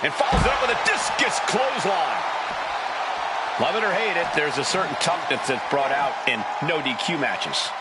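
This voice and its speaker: A man performing as an excitable play-by-play announcer in a wrestling video game, calling the action in clipped exclamations. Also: on the high side, normal speed, close to an everyday voice. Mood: excited, urgent. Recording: loud arena crowd and noise behind.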